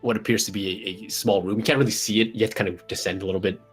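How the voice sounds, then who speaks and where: A man improvising narration as a tabletop game master, describing scenes in a halting way as he searches for words. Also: lowish voice, fairly even intonation, breathy edge, faint music behind.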